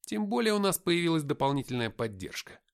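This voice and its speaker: A man's voice: a little high, sing-song, brisk, smooth. A man reading a first-person audiobook narration expressively.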